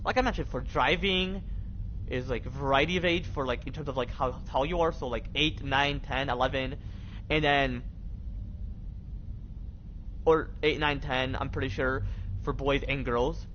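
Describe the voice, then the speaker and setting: Streaming a game, a young Michigan man talks in a loose, slangy, repetitive ramble. His medium-pitched voice is fairly even and a little bright, and he speaks unhurriedly with long pauses. The audio comes through a dull lo-fi microphone carrying faint noise.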